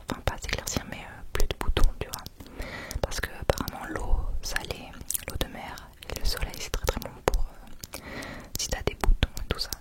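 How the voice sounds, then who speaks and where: Female ASMR vlogger, hushed whisper for quiet late-night listening, informal and rambling, repeats words softly. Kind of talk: whispered ASMR travel vlog narration.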